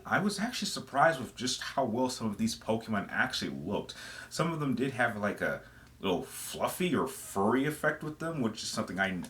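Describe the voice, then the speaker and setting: The host of this gaming video speaks in a deep, pushed, bright voice. He talks through his opinions in a conversational, partly scripted way, stressing certain phrases.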